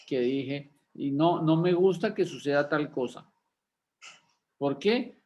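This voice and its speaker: A man, a pastor teaching a class in a conversational sermon style, often checking in with rhetorical questions. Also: on the high side. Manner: folksy, asks rhetorical questions of listeners.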